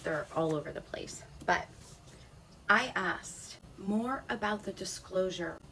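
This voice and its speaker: A woman giving a casual spiritual talk, reading channeled messages aloud from notes in a deliberate way with emphatic pauses and repeated phrases. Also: mid-range voice, animated, vocal fry, sharp tone, a little hiss or hum, poor audio.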